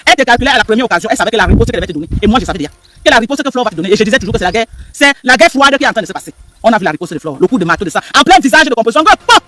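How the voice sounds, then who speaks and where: A man's voice: sits high, lively intonation, rapid-fire, sharp tone. A man giving heated live-stream commentary, repeating himself and firing rhetorical questions at the audience. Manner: emphatic, repetitive, rhetorical questions to viewers.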